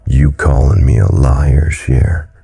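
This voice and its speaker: A man voicing a burly, hostile bar owner in his late forties with a thick Cajun drawl and a gruff voice. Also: a bass voice, takes it slowly, warm tone, heavily acted. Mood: surly drawl.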